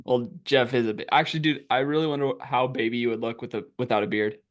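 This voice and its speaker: A man's voice: mid-range voice, steady tone, fast. A man hosting a podcast in casual chat, playful while moving the show along. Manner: playful, steering the talk. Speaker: podcast host.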